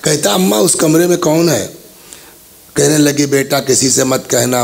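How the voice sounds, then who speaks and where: Gravelly male preacher recounting a martyrdom. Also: medium pitch. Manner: acts out voices in the story, rises into chant. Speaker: religious scholar giving a majlis. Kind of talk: mourning sermon, dramatic storytelling. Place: mourning gathering hall.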